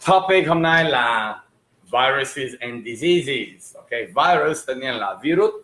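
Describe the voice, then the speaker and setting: Male tutor, unhurried livestream lesson delivery, drills pronunciation word by word, echoey room sound. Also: medium pitch, animated, sharp tone. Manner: slow, drawn-out words for drilling pronunciation. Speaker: English teacher.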